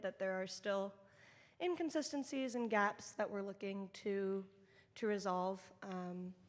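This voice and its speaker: A woman who leads a children's ministry speaks informally and conversationally to a group of volunteers at a training session in a church meeting room. Her voice is medium-pitched, and the sound has a long reverb tail.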